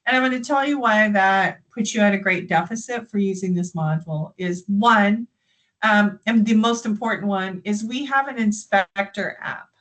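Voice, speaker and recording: A friendly woman from the United States walks colleagues through a software system in a live training session. Her voice sits at an ordinary middle pitch, and she explains in a loose, chatty way. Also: low-quality recording.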